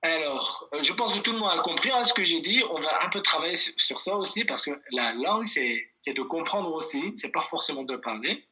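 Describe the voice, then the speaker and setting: A man teaching a language class over a video call, speaking slowly and patiently, repeating phrases and calling on students by name. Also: fairly high pitch, animated, sharp tone.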